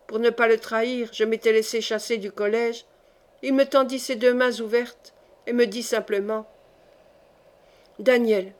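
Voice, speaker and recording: A woman narrating a literary audiobook with a slightly high voice. She reads in a measured, expressive manner and gives the characters' lines a light touch of their own. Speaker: audiobook reader.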